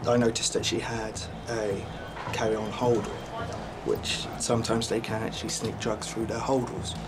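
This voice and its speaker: A man's voice: fairly low pitch, little pitch movement, normal speed. A man in his thirties, a border officer, explaining plainly in an airport office. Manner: plain, matter-of-fact explaining. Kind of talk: interview and on-the-job speech. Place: airport customs office, indoors. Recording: music mixed in behind.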